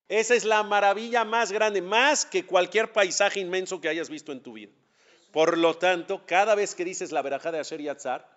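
Rabbi teaching, higher voice. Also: male voice. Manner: asks the class rhetorical questions and answers them himself; conversational, addresses students directly. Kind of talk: religious class lecture. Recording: dull lo-fi class recording.

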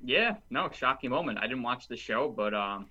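Guy co-hosting over a dull lo-fi line, bright tone, calm thoughtful takes. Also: mid-range voice, normal speed, breathy edge. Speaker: podcast co-host. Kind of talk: casual chat.

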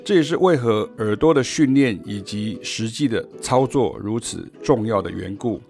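A man's voice: on the low side, expressive, moderate pace, creaky, a little mellow. A man from Taiwan with a Taiwanese Mandarin accent, giving a podcast music lesson as a jazz teacher and explaining points with sung rhythm syllables.

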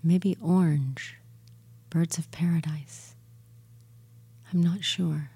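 A woman leads a guided meditation in a low, very mellow voice. She speaks in a soothing, breathy murmur that sometimes thins toward a whisper. Long, gentle pauses separate her phrases. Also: steady tone. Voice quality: soft, breathy, near whisper at times. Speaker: guided relaxation hypnotist. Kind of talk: guided meditation and hypnosis induction.

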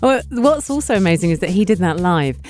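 A woman's voice: lowish voice, big pitch swings, brisk, darkish tone, soft background music. A woman co-hosting a radio show in casual, conversational chat. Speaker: radio co-host.

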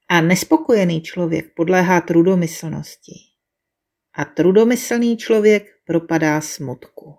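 Mellow female storyteller, calm measured storybook reading. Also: fairly low pitch.

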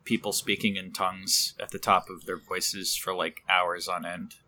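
A man's voice: sits low, level tone, moderate pace, pushed and bright. A man co-hosting a podcast in casual, joking banter. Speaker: podcast co-host.

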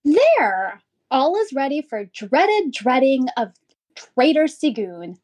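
Squeaky cowardly schoolboy, very animated, slow and word-mangling, for a vintage radio comedy. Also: male voice, full character voice. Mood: boastful. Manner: reads own stage directions aloud, mangles words. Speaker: comic character. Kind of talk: 1950s radio comedy acting.

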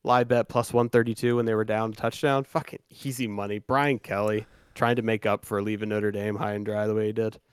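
A man's voice: on the low side, level tone, brisk, clean tone, dry recording, studio quality. A man co-hosting a sports podcast in loose, casual chat, swearing freely and restarting his sentences often. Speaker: podcast co-host.

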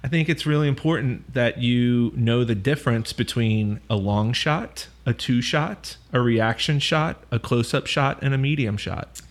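A man's voice: medium pitch, unhurried. A man hosting a casual podcast, playful and joking as he reads out listener mail and introduces guests. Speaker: podcast host.

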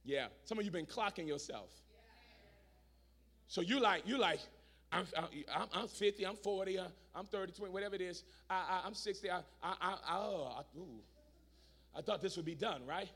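High, bright-voiced preacher shouting his sermon. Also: moderate pace, breathy edge. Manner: shouts and drops to a low, conversational aside, repeats words, talks back to the crowd. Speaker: pastor. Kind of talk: energetic sermon to a congregation.

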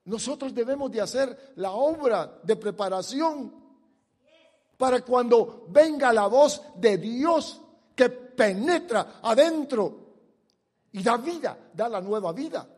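A man preaching a sermon, swinging from quiet asides to loud, forceful declarations. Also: very high-pitched, animated, takes it slowly, husky, in a large hall. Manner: dramatic swings from soft to shouted.

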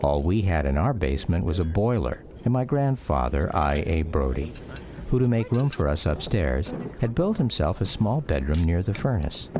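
An actor with an American accent voices a grown son recalling his childhood for a radio drama, a reflective, scripted first-person narration over underlying music. He sits low with big pitch swings at a moderate pace, and crowd noise is audible.

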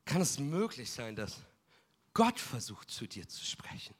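A man voicing an old male high priest who gives a boy earnest, instructive advice. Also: big pitch swings, measured pace.

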